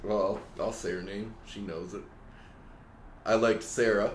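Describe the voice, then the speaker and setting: A man in casual chat, relaxed and hesitant, telling a childhood memory. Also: lowish voice, measured pace. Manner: relaxed, hesitant with fillers and restarts. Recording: roomy echo with faint hiss.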